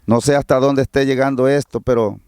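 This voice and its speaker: A man's voice: medium pitch, steady tone, a little fast, a little mellow, clean tone, no room sound, studio quality. A middle-aged man from Mexico with a Mexican Spanish accent, preaching a fervent, repetitive testimony on a livestream.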